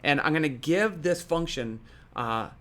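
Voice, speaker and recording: A man's voice: a little high, animated, unhurried, fairly bright tone. A man hosting a physics coding tutorial, talking casually and thinking aloud with fillers and small self-corrections.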